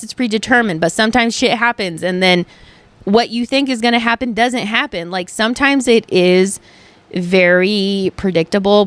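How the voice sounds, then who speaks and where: A woman's voice: medium pitch, clear, resonant tone, dry recording. A woman hosting a podcast from her couch at home, talking in a casual, emphatic way, with lots of "like" and some swearing. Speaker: podcast host.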